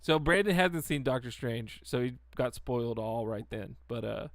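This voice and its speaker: A man's voice: medium pitch, animated, normal speed, no room sound. Blunt joking man hosting a chat. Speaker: podcast host. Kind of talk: casual chat among friends.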